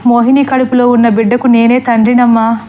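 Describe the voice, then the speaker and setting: A woman's voice: on the high side, little pitch movement, a little fast, warm tone, a little hiss or hum, lightly acted. A woman voicing a guilty young man who begs his parents tearfully, in a storybook reading. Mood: pleading. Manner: tearful, pleading.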